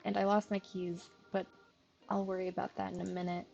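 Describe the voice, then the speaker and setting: A woman voicing a frightened, tearful young neighbor confiding in their mother, reading a visual novel aloud in a soft, hesitant way. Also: medium pitch, level tone, a little fast, gravelly, lo-fi sound, close to an everyday voice. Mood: vulnerable.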